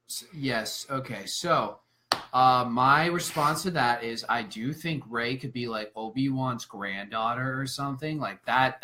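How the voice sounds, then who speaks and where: A man's voice: mid-range voice, bright, forceful tone. A young man co-hosting a casual podcast chat, laid-back and rambling. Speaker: podcast co-host.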